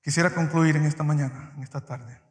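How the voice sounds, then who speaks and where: A man preaching a sermon as pastor, emphatic and addressing his listeners directly, swinging between loud and soft. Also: on the high side, steady tone, brisk. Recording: echoey church hall reverb.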